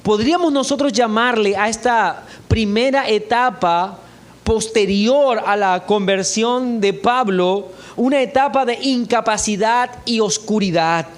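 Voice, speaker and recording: Reading passages of scripture aloud, a man with a notably high voice preaches in church. He keeps his delivery steady and measured throughout the sermon.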